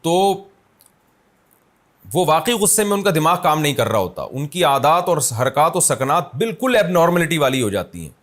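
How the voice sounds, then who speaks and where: A man's voice: fairly high pitch, sing-song. A man, an Islamic scholar, answering a viewer's question in a conversational but emphatic religious lecture, explaining with everyday examples. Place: his office city.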